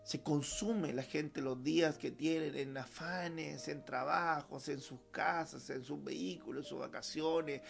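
Gravelly-voiced fervent male pastor preaching. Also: on the high side, fairly even intonation, measured pace, hardly any pauses. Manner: fervent preaching with emphatic repetition. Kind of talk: sermon. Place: church service.

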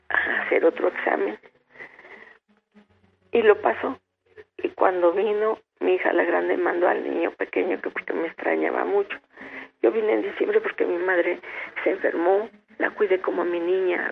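An older woman with a gravelly voice, calling in to tell a long, devout family story. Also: mid-range voice. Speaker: radio caller. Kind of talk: tearful personal testimony. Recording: tinny phone line with faint hiss.

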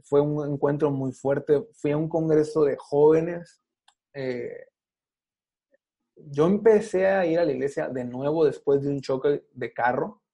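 Young Mexican-accented guy, mellow slightly high voice, slangy storyteller. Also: breathy edge. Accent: Mexican Spanish. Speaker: guest. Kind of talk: casual testimony.

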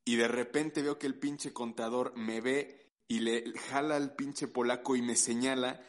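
A man's voice: mid-range voice, unhurried. A young man with a Mexican accent, telling a story in casual podcast chat with lots of swearing. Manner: swears a lot, animated storytelling. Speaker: podcast host.

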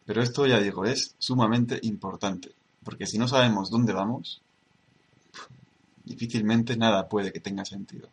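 Gravelly low-voiced yoga teacher. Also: male voice, fairly even intonation. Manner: measured, repeats key words for emphasis. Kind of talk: spoken tutorial.

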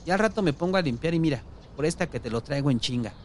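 A man's voice: a little high, lively intonation, fast, a little mellow, a little hiss or hum, pitched above the performer's own voice, close to an everyday voice. A man voicing a desperate young male addict, whiny and pleading.

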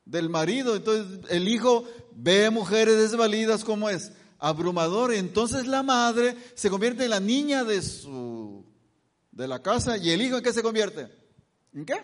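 A man's voice: high voice, expressive, measured pace. A middle-aged man with a Mexican Spanish accent giving a health talk in a church, asking his listeners questions and answering them himself. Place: church hall.

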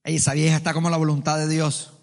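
A man preaching a sermon to a congregation, lively and colloquial, with joking asides, calling on the listeners to answer back. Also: a little high, fast, background noise. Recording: long hall reverb.

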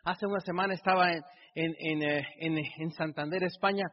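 In an echoing hall, captured on a dull recording, a middle-aged man with a Mexican Spanish accent builds emotional momentum through repetitive rhetorical lines. His voice is slightly high, with fairly even intonation and a moderate pace.

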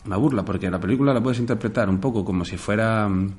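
A man from hosting a casual chat about films, relaxed and talking straight to his listeners. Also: fairly low pitch, fast. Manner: relaxed, chatty, addresses listeners. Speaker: podcast host.

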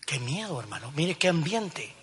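Middle-aged male preacher, fairly high and husky, big echoey hall. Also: sing-song, normal speed. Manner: dramatic, acts out Bible scenes, swings from hushed to shouting. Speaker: pastor. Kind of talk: sermon. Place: large church hall.

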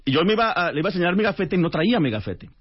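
Animated man telling a story. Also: high-pitched, very fast, breathy edge. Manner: animated storyteller acting out dialogue. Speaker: radio guest, author and translator. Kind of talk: storytelling anecdote on radio. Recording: dull lo-fi radio audio.

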